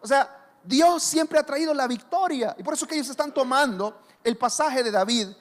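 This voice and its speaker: Male pastor, high voice, fervent sermon, long hall reverb. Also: expressive, normal speed. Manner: impassioned preaching that swells to loud emphasis. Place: church.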